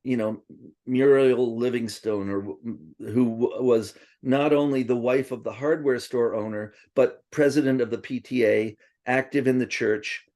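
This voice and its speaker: Born in Princeton and partly raised in Tokyo, this man spoke Swedish first, and in an interview he reminisces casually in a mid-range, dark voice that is fairly even and a little slow. He rambles, restarting often and drifting into asides.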